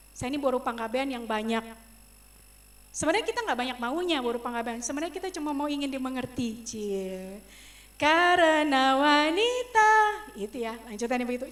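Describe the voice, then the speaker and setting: A middle-aged woman preaching a personal testimony in a church service, swinging from loud emotional outbursts to soft asides as she addresses the congregation. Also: sits high. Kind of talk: sermon testimony.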